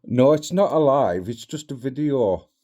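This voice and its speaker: A man with a medium-pitched voice chats to his pets in a casual home-video style. His manner is playful and coaxing, with simple questions that he often repeats as if expecting the animals to answer. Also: expressive, a little slow, dark tone. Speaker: pet owner vlogger.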